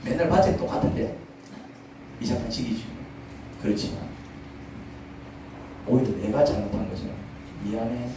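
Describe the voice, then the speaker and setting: Pastor preaching in an echoey church. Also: male voice, mid-range voice, animated, normal speed, long pauses, distant mic, noisy background. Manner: conversational preaching with rhetorical questions. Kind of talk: sermon. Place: church sanctuary.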